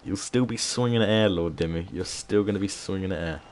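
A man with a very low, deep voice chats with his viewers while he plays. He keeps his voice down, bantering and swearing casually. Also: a little fast. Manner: laid-back banter, heavy swearing; keeps voice down, hushed. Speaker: gaming streamer. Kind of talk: casual live-stream commentary.

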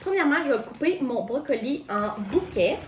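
Music plays behind a high-pitched young woman with a Quebec French accent as she cheerfully chats to viewers at a normal pace, her intonation lively. It's an easygoing day-in-the-life vlog with a simple cooking walkthrough, filmed on a tripod camera in a roomy space.

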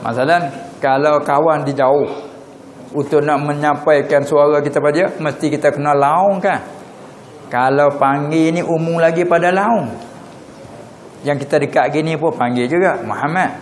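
A man's voice: fairly high pitch, slight background noise. A man from southern Thailand with a Patani Malay accent, giving a religious lecture and putting questions to his listeners. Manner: questioning listeners, drawn-out Arabic terms. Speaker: religious teacher. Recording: echoey hall recording.

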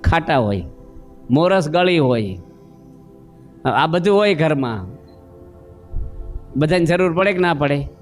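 A man's voice: on the high side, lively intonation, slow pace, pauses often, soft background music. A man preaching a sermon, telling homely stories and questioning his listeners. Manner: storytelling with acted voices and questions to listeners.

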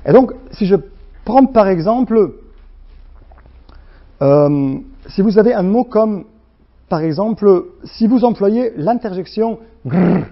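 A man with a Slavic accent, a native Slovene speaker, giving a university lecture in a halting way, full of restarts and fillers, acting out the sounds he discusses. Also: high-pitched, animated, dull audio. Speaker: guest lecturer.

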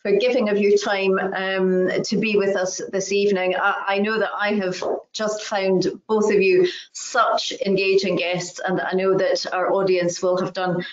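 A woman's voice: mid-range voice, little pitch movement, a little slow, few pauses. Middle-aged woman host, encouraging, roomy echo, lo-fi webcam audio. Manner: encouraging, gushing thanks. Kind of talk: online panel interview. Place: home room. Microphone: laptop webcam video call. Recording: echoey lo-fi video call audio.

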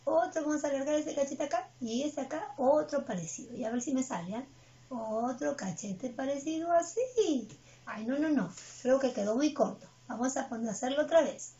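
A woman's voice: sits high, animated, moderate pace, warm tone, dull audio. A woman teaching English to preschool children online, speaking patiently and coaxing them along. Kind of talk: online class for small children.

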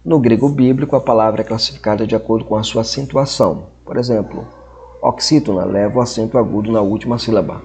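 A man with a Brazilian Portuguese accent teaching a recorded lesson, slowly repeating example words and checking in with frequent tag questions. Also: fairly low pitch, fairly even intonation, darkish tone. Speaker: Greek language teacher. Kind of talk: recorded classroom lecture.

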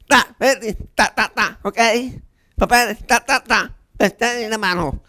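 A woman performs a comic sketch, coaxing and repeating short phrases. She speaks very slowly in a somewhat high voice. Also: sharp tone. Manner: slow, repetitive, coaxing talk. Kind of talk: cabaret mime sketch.

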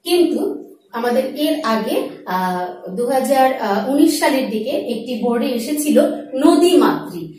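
A woman's voice: high voice, lively intonation, normal speed, darkish tone, recorded from a distance. A woman teacher gives a board lesson, explaining step by step and asking and answering her own questions. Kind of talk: board lesson on Bengali pronunciation. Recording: echoey room, voice from off the mic.

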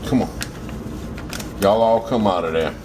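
A middle-aged man with a Southern US accent talking in a folksy, plain-spoken way as he demonstrates home cooking in a casual vlog. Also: on the low side. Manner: folksy, unhurried, plain-spoken with mild swearing. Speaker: home cook demonstrating a recipe. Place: home kitchen, indoors. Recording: clear background kitchen hum noise.

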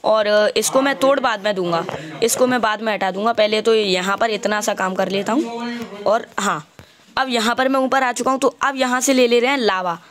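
A man giving casual gameplay commentary, chatty and walking the viewer through each step, stopping to fix his own mistakes out loud. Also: high-pitched, normal speed. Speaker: gaming channel host.

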